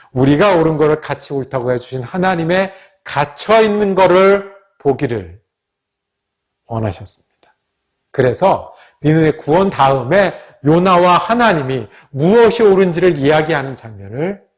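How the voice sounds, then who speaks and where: Husky-voiced pastor teaching Bible study. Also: male voice, medium pitch. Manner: measured, asks the listeners questions.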